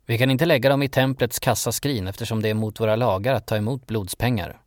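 A man's voice: medium pitch, steady tone, no room sound, clean studio sound, natural voice. A man voicing scornful chief priests. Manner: mocking, scornful.

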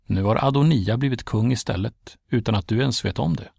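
A man's voice: medium pitch, creaky, darkish tone, no room sound, clean studio sound. A man voicing Batseba, a royal mother pleading earnestly with the king, in a storybook reading.

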